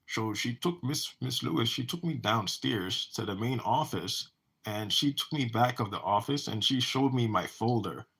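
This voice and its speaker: A man's voice: medium pitch, animated, moderate pace, gravelly, fairly bright tone, husky. A man who talks about his own life in a rambling monologue, often restarting and repeating words. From United States. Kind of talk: personal monologue.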